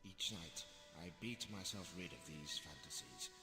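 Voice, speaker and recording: A man's voice: rumbling low, expressive, a little slow, gravelly, heavily acted. A male actor playing a grave, tormented medieval monk narrating his journal in solemn, old-fashioned formal speech for a video game. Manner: solemn, formal, archaic wording. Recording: loud music over the voice. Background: loud game music.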